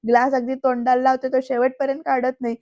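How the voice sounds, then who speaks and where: A woman's voice: sits high, flat delivery, fast, a little mellow, no echo. A woman narrating a casual, chatty recap of a TV serial episode, speaking directly to her viewers. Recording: dull lo-fi, dry room.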